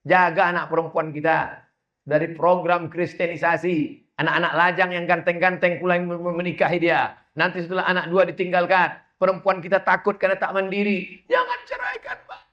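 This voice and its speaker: A male preacher giving a sermon in an emphatic, animated way, full of rhetorical questions. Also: high voice, a little fast, lo-fi sound.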